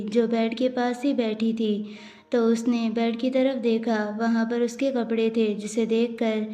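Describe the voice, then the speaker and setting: A woman reading a romance story aloud as a narrator, in an even storytelling manner. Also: a little high. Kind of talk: scripted Hindi story narration.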